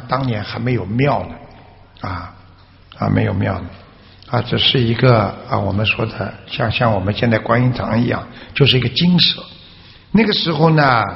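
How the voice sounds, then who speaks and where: A man preaching a Buddhist sermon through a story, with drawn-out filler sounds and questions to the audience. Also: mid-range voice, creaky. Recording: echoey hall, dull lo-fi sound.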